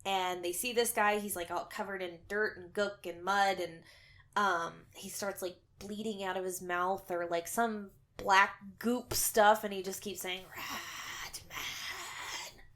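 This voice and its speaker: A woman's voice: mid-range voice, steady tone, measured pace, fairly bright tone. A young woman co-hosting a podcast, chatting casually about a horror film and rambling with lots of fillers. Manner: rambling, heavy on 'um' and 'like'. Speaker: podcast co-host. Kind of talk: casual film review chat.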